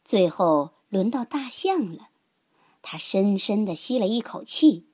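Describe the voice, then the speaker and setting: Slow, expressive woman storyteller. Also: medium pitch, slightly rough. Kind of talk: children's story narration.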